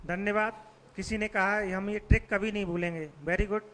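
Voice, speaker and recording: A man's voice: high-pitched, steady tone, normal speed, fairly bright tone, big-room sound. A male teacher giving a classroom vocabulary lesson, quizzing students with repeated questions. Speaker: English teacher.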